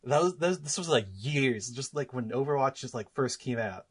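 A man's voice: medium pitch, animated, normal speed, husky. A man chatting casually as co-host, rambling with restarts and laughing often. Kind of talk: casual chat.

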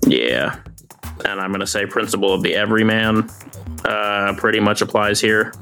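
A tabletop player with a crisp, bright tone and a lowish voice. He chats casually and laughs as he narrates his moves, with light music in the background. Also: moderate pace. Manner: chatty, laughing, describes actions.

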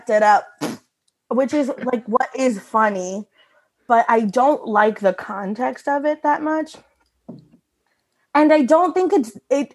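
A woman in a casual podcast chat, talking animatedly with lots of "like" fillers. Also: fairly high pitch. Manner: animated, frequent "like" fillers, laughs. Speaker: podcast co-host reviewing a comic strip.

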